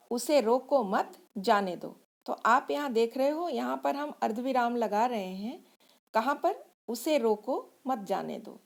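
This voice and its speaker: A woman teacher giving a patient grammar lesson to children, explaining slowly and reading example sentences aloud. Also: on the high side, vocal fry.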